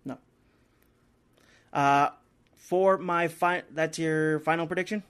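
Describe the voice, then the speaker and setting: A man's voice: a little high, steady tone, slow pace, a bit bright. A man hosting a soccer talk show on sports radio, in a conversational broadcast style.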